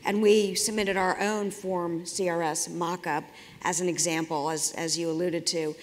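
A woman hosting an interview on a conference stage, asking questions in a measured, polite way. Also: on the low side, level tone. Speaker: host interviewer. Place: conference stage, large hall. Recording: reverberant hall sound.

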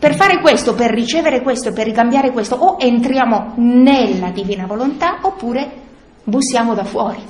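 Woman, spiritual teaching talk, earnest, explanatory, fillers and restarts, higher voice, roomy echo. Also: moderate pace, a little mellow, slight background noise. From Italy. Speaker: speaker leading a prayer group.

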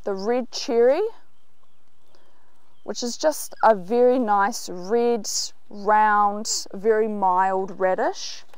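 A woman's voice: medium pitch, very slow, clear, resonant tone, no echo. A woman in her thirties with a New Zealand accent, giving an enthusiastic guided tour of her market garden outdoors. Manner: enthusiastic, explanatory, walking and pointing at crops. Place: outdoors in a large vegetable garden.

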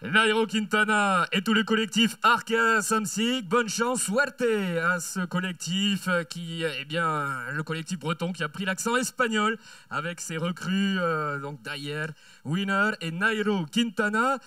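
A man's voice: high voice, unhurried, bright, forceful tone, clear, resonant tone, no echo, far from the mic. A man co-presenting riders on a race podium in a chatty way, stretching out their names. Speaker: podium co-announcer.

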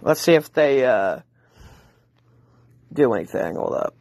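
A man's voice: medium pitch, very animated, unhurried, vocal fry, darkish tone, dry recording. A man in his twenties casually narrating what he does on his phone as an internet troll. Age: 20s. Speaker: amateur video maker trolling a voice chat. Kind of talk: casual narration of own screen activity. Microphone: handheld phone camera, close.

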